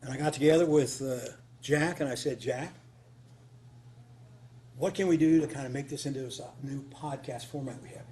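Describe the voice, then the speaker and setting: In a meeting room, a man who writes radio dramas addresses a small group live at a conference with a warm, medium-pitched voice at a moderate pace. His talk is informal and off the cuff, folksy, with phrases repeated for emphasis; hum and noise are clearly audible.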